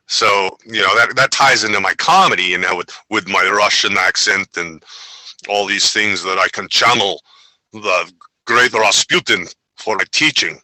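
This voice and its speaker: A man in a casual roundtable chat on a video call, telling family stories in an animated way and slipping into playful voices. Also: on the low side, moderate pace, dry recording, poor audio. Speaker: network member, roundtable guest. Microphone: video call microphone.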